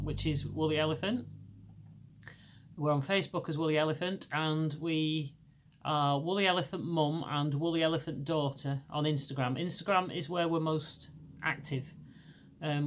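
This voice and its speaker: Here a middle-aged English podcast host with a Lancashire accent chats casually, a little hiss or hum audible in the recording. Her voice is deep by nature but still hoarse from laryngitis. She rambles and keeps restarting.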